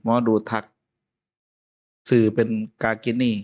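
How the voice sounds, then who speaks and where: A man's voice: takes it slowly, a little mellow, dull audio. A man with an Isan Lao accent giving an informal Buddhist sermon as abbot, chatty and chuckling often. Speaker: abbot giving a Dharma talk.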